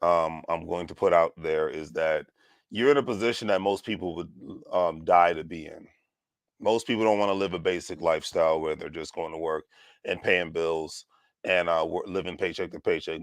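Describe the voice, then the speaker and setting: Vlog host, man around forty, very low voice, dry close recording, sarcastic and rambling. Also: no echo. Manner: rambling, sarcastic, restarts sentences often. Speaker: channel host. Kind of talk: casual vlog commentary.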